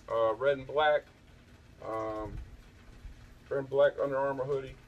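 Out on a back porch at night, a man casually shows off his thrift finds in a show-and-tell vlog, rambling with many fillers and restarts. His voice is medium in pitch and sits far from the mic.

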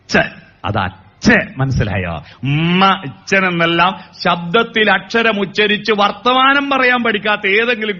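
A man giving a public talk on family and education, animated, breaking into sung lines to make his points. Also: medium pitch. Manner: animated, sings song lines and acts out calls to make points. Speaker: motivational speaker. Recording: dull lo-fi recording.

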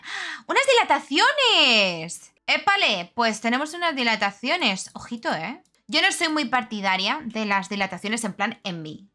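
A woman's voice: mid-range voice, bright, forceful tone. A young woman gives casual, chatty game commentary, gushing and exclaiming as she goes. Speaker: game reviewer.

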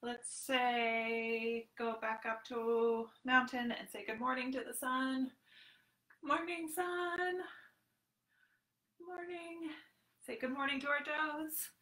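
Taking it slowly, a woman in her thirties with a high, sharp, steady voice plays a librarian encouraging small children at storytime in a sing-song way. The recording comes from a home webcam in a small indoor room and has roomy echo.

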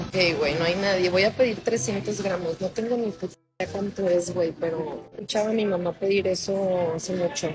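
A woman's voice: on the low side, brisk, hardly any pauses, lightly acted, rough recording. A woman with a Mexican accent playing an insecure young newlywed, rambling self-consciously in a comedy sketch, with music in the background. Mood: anxious.

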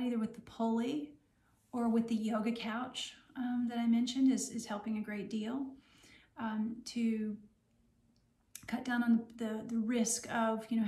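A middle-aged woman, sore and recovering from surgery, gives gentle, unhurried advice with pauses in a casual instructional home vlog. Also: a little high. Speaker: health vlogger sharing recovery advice. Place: small home room, indoors. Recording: roomy, echoing home recording.

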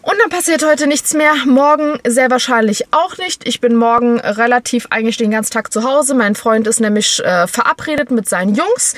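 A woman's voice: fairly high pitch, moderate pace, hardly any pauses. A young woman from Germany chatting casually to her viewers from a parked car at night, with lots of fillers and restarts. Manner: chatty, many fillers and restarts, laughs often. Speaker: vlogger. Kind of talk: casual vlog chat. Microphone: camera on dashboard. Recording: noisy car interior.

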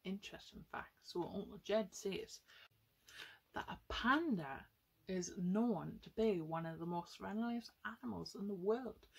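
Speaking at a medium pitch with a breathy edge, a young woman tells children a story with paper puppets. She talks right to them, full of questions and exclamations, from a small room at home.

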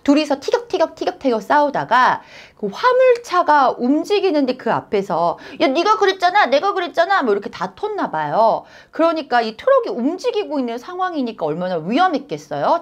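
A woman hosts a chatty news channel and tells each story with a lively, swooping voice. She sits a little high in her register and jumps into short exclaimed lines as she acts out what people said. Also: fairly quick, hardly any pauses. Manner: animated, acts out quotes with sudden exclamations. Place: lives in Queens, New York.

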